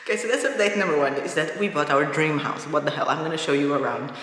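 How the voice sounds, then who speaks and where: An excitable woman from Portugal, a native Portuguese speaker, chatting casually in a rambling vlog update, with big hall-like echo from an empty house. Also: sits low, fast. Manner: excitable, rambling, self-interrupting. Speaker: vlogger. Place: empty newly built house, indoors. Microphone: microphone with a fuzzy windscreen.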